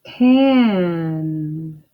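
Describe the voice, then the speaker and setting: Female phonics prompt voice, dull lo-fi sound, isolated words and sounds modeled very slowly with exaggeration. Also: low voice, animated. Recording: dull lo-fi playback.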